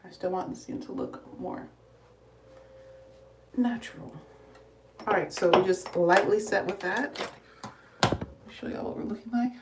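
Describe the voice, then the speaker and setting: A woman's voice: mid-range voice, measured pace, long pauses, noisy background. A young adult woman chatting casually through a makeup tutorial, talking to viewers as y'all and sounding out of breath. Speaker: beauty livestreamer. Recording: echoey room, voice slightly distant.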